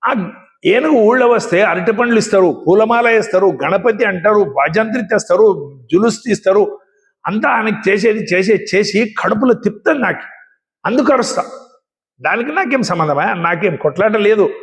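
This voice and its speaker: A man's voice: sits high, lively intonation, moderate pace, big-room sound. A man doing a jealous, grumbling dog. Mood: resentful. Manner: resentful, complaining. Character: jealous dog resentful of an honored elephant.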